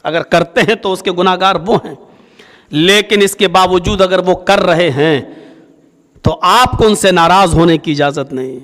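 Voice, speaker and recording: A male Islamic preacher giving a sermon, telling a story and acting out its dialogue with swings in pitch. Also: measured pace, a bit bright, in a large hall. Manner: storytelling, acts out dialogue with rising and falling pitch.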